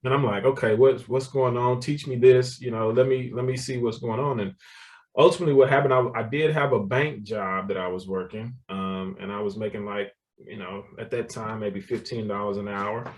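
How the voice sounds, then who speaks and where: A man's voice: on the low side, moderate pace, distant mic. Laughing man, mic held back. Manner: animated storyteller, laughs often, repeats words. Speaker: guest, real estate developer. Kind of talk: casual interview talk.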